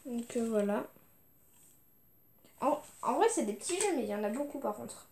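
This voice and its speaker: A woman's voice: on the high side, big pitch swings, moderate pace, a little mellow. A young woman chatting casually as she shows her video game collection, hesitant, with many fillers and restarts. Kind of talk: casual unboxing chat.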